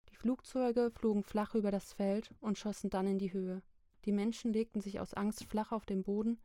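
A woman narrating a literary book chapter in a slow, measured, even reading. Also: medium pitch, no echo. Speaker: audiobook narrator.

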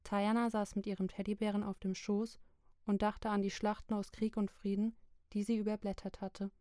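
A woman narrating a literary book chapter in a slow, measured, even reading. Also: mid-range voice, no echo, studio quality. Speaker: audiobook narrator.

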